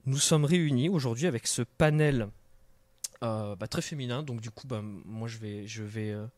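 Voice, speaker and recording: A man's voice: medium pitch, moderate pace, a little mellow, no echo. A young man hosting a live stream in casual chat, full of fillers and restarts. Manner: hesitant, many fillers and restarts. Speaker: stream host. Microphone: studio microphone.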